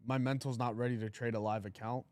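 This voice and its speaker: A man's voice: medium pitch, little pitch movement, quick pace, darkish tone, dry recording. A man in his twenties hosting a trading livestream, talking casually and bluntly, teasing his chat and reading comments aloud. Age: 20s.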